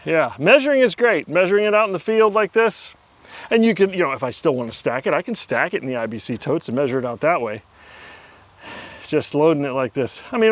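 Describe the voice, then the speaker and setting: Chatty fifty-something man, slightly high voice. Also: fairly bright tone, dry recording. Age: 50s. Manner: rambling, talks to himself while working. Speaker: channel host. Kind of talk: casual vlog talk to camera.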